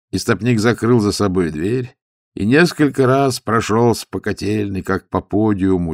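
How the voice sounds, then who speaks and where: A man reading a story aloud in steady scripted narration. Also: low-pitched, creaky, dry recording, studio quality. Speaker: audiobook narrator.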